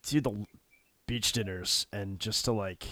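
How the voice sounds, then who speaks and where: A man's voice: fairly low pitch, measured pace, fairly bright tone. A man chatting casually and informally, sounding congested with a stuffy nose from allergies. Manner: informal, swears freely. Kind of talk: casual chat.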